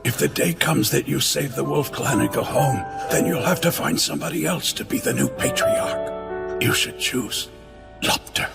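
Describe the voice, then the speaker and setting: Gravelly, solemn old clan patriarch. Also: male voice, mid-range voice. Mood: weak, pleading. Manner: grave, measured. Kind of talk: anime dub acting. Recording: loud music under the voice. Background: loud music.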